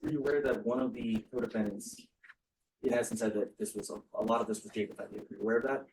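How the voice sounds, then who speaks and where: A man's voice: medium pitch, steady tone, fast, a little mellow, rough recording. A man cross-examining as a prosecutor in a courtroom, asking pointed questions.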